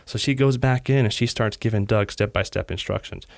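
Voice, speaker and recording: Animated low-voiced man telling a story. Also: fairly quick, vocal fry, no room sound. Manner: animated retelling, quoting radio calls in raised voice. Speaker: podcast co-host. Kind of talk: casual storytelling chat.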